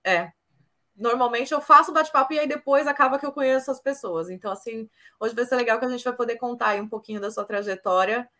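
A woman's voice: fairly high pitch, quick pace, sharp tone. A woman from Brazil hosting an interview in a friendly, informal way. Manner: friendly and informal, laughs easily. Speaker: host. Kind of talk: casual interview chat.

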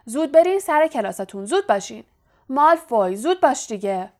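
A woman's voice: a little high, big pitch swings, a little mellow. Woman doing a stern teenage prefect. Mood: bossy. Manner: stern, commanding. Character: bossy teenage boy school prefect.

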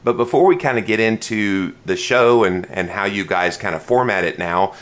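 A man's voice: lowish voice, moderate pace, a bit bright. A man hosting a podcast, chatting casually and joking about himself as he introduces his guests. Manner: chatty, joking, self-deprecating. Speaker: podcast host. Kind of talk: casual interview chat.

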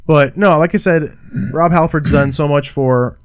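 A man's voice: on the high side, unhurried, dry recording. A man co-hosting a show in casual banter, with a blunt, teasing, informal way of talking. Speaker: podcast co-host.

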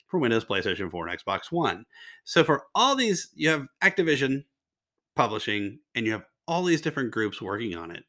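An older man hosting a solo podcast in a casual, rambling way, sounding nasal and slightly raspy with a mild cold and laryngitis. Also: lowish voice, a bit bright. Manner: rambling, conversational, self-interrupting asides. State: mild laryngitis and nose congestion. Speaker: podcast host.

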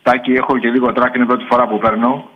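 A man calling a sports radio show by phone, telling jokes about rival fans in a rambling, quick, chuckling way. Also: medium pitch, level tone, highs cut off. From Greece. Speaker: radio caller, football fan. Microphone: phone line.

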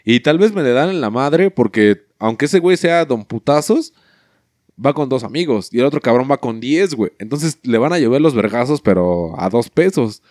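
A young man with a Mexican Spanish accent talks in a casual chat, packing every sentence with street slang and swearing. His voice sits at an ordinary pitch. The sound is close and dry, with no room around it. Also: expressive, normal speed, darkish tone, dry recording. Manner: crude slangy storytelling, swears constantly.

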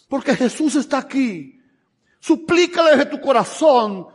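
A man preaching a fervent sermon, swinging between hushed asides and loud appeals. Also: very high voice. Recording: long hall reverb.

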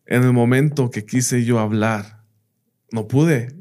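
Speaking slowly with a warm, medium-pitched voice, this teacher, a native English speaker, shares stories as a guest on a relaxed podcast interview. He often uses "bla, bla" and "¿me entiendes?"

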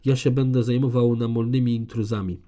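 A man's voice: medium pitch, fairly even intonation, a little fast, warm tone, natural voice. A man reading an audiobook, voicing a curt, sarcastic male landowner who speaks drily. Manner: dry and curt.

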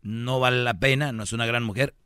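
A man's voice: mid-range voice, steady tone, fairly quick, very noisy. A man hosting a radio call-in show, giving blunt, emphatic, opinionated advice.

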